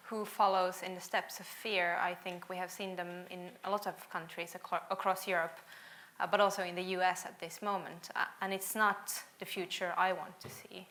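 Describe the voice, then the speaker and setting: At a panel event in a hall with an audience, a young Finnish woman speaks earnestly in a fairly low, pushed, bright voice. She often doubles the first word when starting a sentence.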